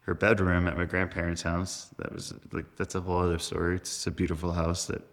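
A man's voice: low-pitched, monotone, a little fast, fairly bright tone. A young man telling stories as a podcast guest, rambling with lots of fillers and laughs. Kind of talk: casual storytelling chat.

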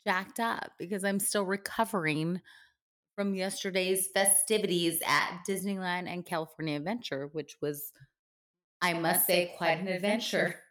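A hoarse middle-aged woman chats casually as a podcast co-host, her voice partly worn out. She laughs easily and peppers her talk with exclamations. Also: lowish voice, moderate pace, a bit bright. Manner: laughs often, exclaims "oh my God". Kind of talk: casual chat.

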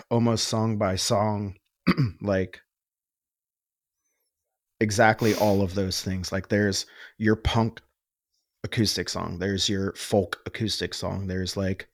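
Enthusiastic, rambling low-voiced podcast host. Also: male voice, no room sound, studio quality. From Western Pennsylvania. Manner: enthusiastic, rambling, heavy use of "like" and swearing. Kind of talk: casual podcast chat.

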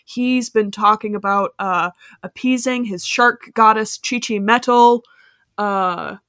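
A woman's voice: mid-range voice, slow, fairly bright tone, dry recording, clean studio sound. A woman hosting a casual podcast, recapping a movie's plot in a rambling way with lots of fillers. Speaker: podcast host.

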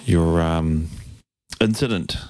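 A man's voice: low-pitched, slow, a little mellow, dry recording. A man hosting a casual chat podcast in a laid-back, slangy way. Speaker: podcast host.

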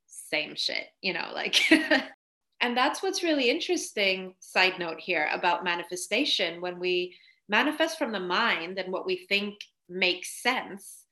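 A woman's voice: medium pitch, expressive, a little slow, pushed and bright. A woman guest on a podcast interview, telling her story in a chatty way, laughing often and filling with "like". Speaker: podcast guest, spiritual coach.

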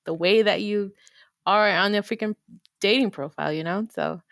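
A woman's voice: mid-range voice, normal speed, a bit bright, no echo, clean studio sound. A woman co-hosting a podcast, chatting casually and giggling often. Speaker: podcast co-host. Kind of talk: casual chat.

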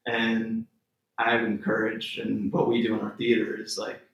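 A man from Texas, a theater-maker guest in a conversational interview, rambling with lots of "like" and restarts, getting animated as he tells stories. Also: lowish voice, unhurried, gravelly, dull audio. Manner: rambling, heavy on "like", restarts often, grows animated telling stories. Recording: echoey room.

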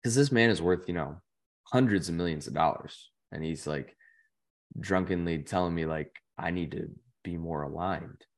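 A low-voiced young man in his twenties speaks at a moderate pace. As a podcast guest in casual chat, he tells stories loosely and ramblingly, with "like" fillers everywhere.

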